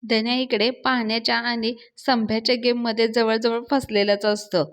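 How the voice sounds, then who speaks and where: A woman narrating a brisk recap of a TV serial episode. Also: fairly high pitch, flat delivery. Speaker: serial reviewer.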